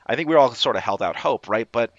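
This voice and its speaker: A man's voice: medium pitch, animated, fast talker, dry recording, lo-fi sound. A man chatting wryly on a sports podcast, laid-back with small laughs between thoughts. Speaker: podcast co-host. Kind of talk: casual sports podcast chat.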